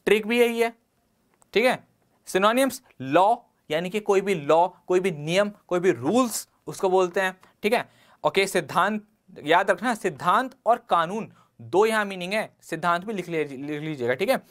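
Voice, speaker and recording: A man's voice: high-pitched, expressive, normal speed, a bit bright. A man with an Indian English accent teaching an exam-prep vocabulary lesson, mixing Hindi and English and asking rhetorical questions to the class. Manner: explains words with everyday examples and rhetorical questions.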